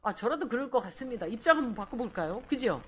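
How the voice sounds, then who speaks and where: Brief: woman pastor, high lively voice, sermon in church, faint hiss behind. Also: quick pace. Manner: animated, asks the congregation questions. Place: church service.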